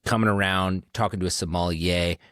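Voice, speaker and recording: A deep-voiced man sets up a scenario for his co-hosts on a wine podcast. He talks in an animated, storytelling way and drops in quick affirmations. The sound is dry and close, with no room around it. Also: smooth, no echo. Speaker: podcast co-host. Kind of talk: casual chat.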